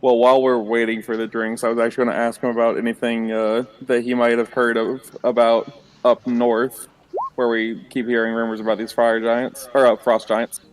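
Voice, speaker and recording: Male player, playful in-character banter, flat even delivery. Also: medium pitch, normal speed, rough recording. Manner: playful, speaks partly in character. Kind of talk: tabletop role-play banter.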